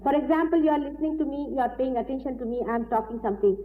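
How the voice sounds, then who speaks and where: Woman teacher, slightly high voice, paced, pausing lecture; tinny old tape with light hiss. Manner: deliberate, explanatory, with frequent pauses. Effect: old tape recording. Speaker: spiritual teacher.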